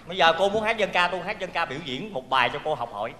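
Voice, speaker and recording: Bright-voiced Southern Vietnamese male comedian. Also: fairly high pitch, very fast. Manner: exclaiming, teasing, animated. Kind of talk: stage comedy sketch. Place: theater stage. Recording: reverberant stage hall, faint noise.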